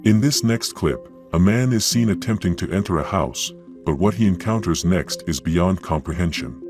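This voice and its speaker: Male narrator, very low voice, sensational tabloid TV host delivery for scary clip compilation, music underneath. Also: lively intonation, moderate pace. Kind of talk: scripted narration, ominous true-crime clip show.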